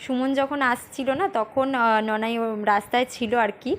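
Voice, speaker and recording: A woman's voice: a little high, fairly even intonation, normal speed. A woman in her thirties narrating a casual home vlog in a chatty, rambling way with many fillers. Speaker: vlogger. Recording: noisy home ambience.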